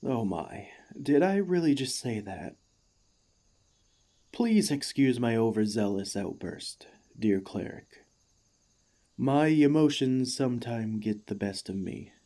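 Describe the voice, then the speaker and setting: A man plays an emotional, excitable warforged ex-gladiator, gentle and devoted, for an ASMR roleplay, now sounding flustered and tender. His expressive mid-range voice is mellow and soft-edged, and he speaks slowly and haltingly. The construct's manner is formally courteous, with earnest emotion that rises quickly.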